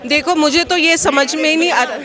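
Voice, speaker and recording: A woman's voice: high-pitched, fairly quick, a crowd in the background. A woman answering a street interview, arguing her opinion and mixing in English words. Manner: argumentative, mixes in English words. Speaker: passer-by interviewee.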